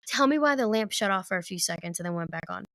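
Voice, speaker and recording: A woman co-hosting a podcast in casual chat, animated and quick to jump in with reactions and her own stories. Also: medium pitch, no echo. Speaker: podcast co-host.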